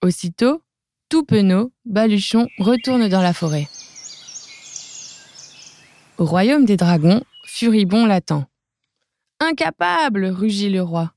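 Female storyteller for young kids; slow, clear, dry studio read. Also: mid-range voice, warm tone, dry recording. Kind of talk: reading a children's story aloud.

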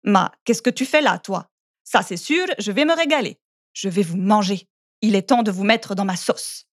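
A woman voicing a big greedy bearded ogre in a storybook reading, stammering and gruff. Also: medium pitch, normal speed, no room sound, studio quality, close to an everyday voice.

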